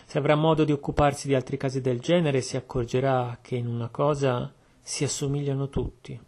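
A man voicing a shrewd, calm Belgian detective who speaks in a measured, deliberate way. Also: mid-range voice, close to an everyday voice. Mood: calm, probing.

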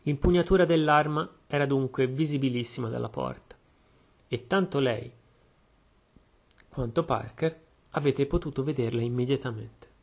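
A man reading a story aloud in steady first-person narration. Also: medium pitch, normal speed, gravelly. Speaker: audiobook narrator.

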